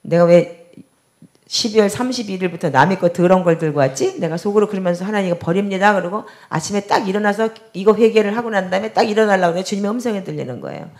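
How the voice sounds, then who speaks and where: A middle-aged woman pastor tells a story from her pulpit as a testimony during a prayer service, acting out the other people's voices as she goes. She speaks fast and animatedly, with a medium-pitched, darkish voice.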